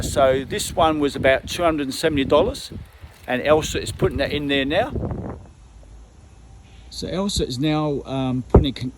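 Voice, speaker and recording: A middle-aged Australian tour guide talks casually about car radios and aerials inside a radio shop and workshop. His voice sits at medium pitch, he says "um" and "uh" a lot, and there's noise in the background.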